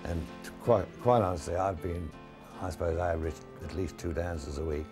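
Older man with a very deep voice. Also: steady tone, brisk, music in the background. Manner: frank, conversational. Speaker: interviewee recalling wartime occupation. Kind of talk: reminiscing testimony.

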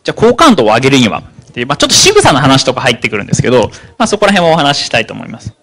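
Fast-talking animated man lecturing. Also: mid-range voice. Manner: rapid, animated delivery that slows for key points. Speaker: lecturer on psychology. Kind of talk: live seminar talk.

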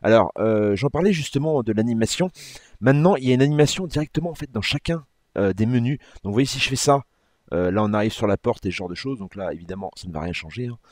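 A man's voice: on the low side, expressive, fast, a little mellow, no echo. Man giving a dry, chatty game walkthrough. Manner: chatty, loose and self-correcting as he clicks through menus. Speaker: gaming channel host. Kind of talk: casual gameplay walkthrough commentary.

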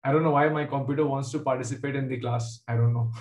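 A man with a South Indian accent runs a live online maths class from a computer, casually quizzing students and calling on them by name. His voice is medium-pitched, steady and a little mellow, and he talks quickly. The room is echoey.

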